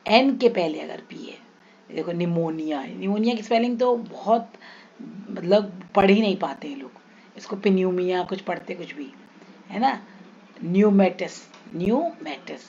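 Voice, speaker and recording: A woman with an Indian accent teaching an English grammar lesson, repeating example words slowly and putting questions to her students. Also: lowish voice, expressive, a little mellow, dull audio. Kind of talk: classroom lesson explaining rules.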